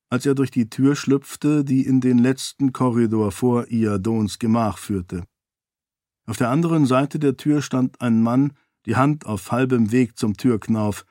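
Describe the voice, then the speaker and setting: A man's voice: medium pitch, a little mellow, no echo, clean studio sound. Man reading a fantasy audiobook. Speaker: audiobook narrator. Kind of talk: scripted narration.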